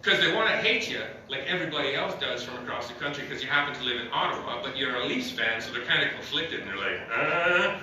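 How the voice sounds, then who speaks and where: A man's voice: mid-range voice, animated, fast talker, hardly any pauses. A man doing a stand-up comedy set in a small club with no audience, rambling, filling gaps with uh and chuckling at his own jokes. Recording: echoey room, mic at a distance, faint noise.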